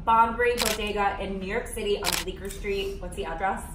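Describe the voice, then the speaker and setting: A woman's voice: medium pitch, fairly even intonation, brisk. A woman hosting a casual cooking video who gushes with enthusiasm as she thanks viewers and praises her guest. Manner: gushing, enthusiastic. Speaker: host. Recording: echoey room, distant mic, faint noise.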